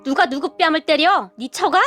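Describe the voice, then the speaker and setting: A woman's voice: sits high, moderate pace, bright, forceful tone, faint music behind. A woman voicing a stern elderly father-in-law who gives firm commands. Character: stern elderly father-in-law, slow to anger but fearsome.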